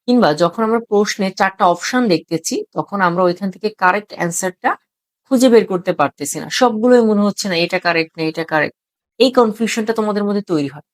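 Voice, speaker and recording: A woman's voice: medium pitch, dry recording. A young woman teaching spelling, patiently repeating each word and spelling it out letter by letter. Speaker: spelling tutor. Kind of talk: online lesson for exam students.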